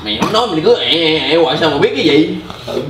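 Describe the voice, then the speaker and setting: Young guy ribbing his buddy, animated voice, noisy echoey room. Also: fairly high pitch, very fast. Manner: playful, needling. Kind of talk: casual comedic banter among friends. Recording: echoey room with loud background noise.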